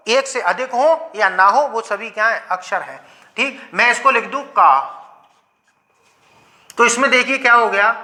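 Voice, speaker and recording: A man teaching Hindi grammar in a lecture, asking questions and answering them himself, repeating example words slowly. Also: sits high, bright, forceful tone. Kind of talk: classroom lecture.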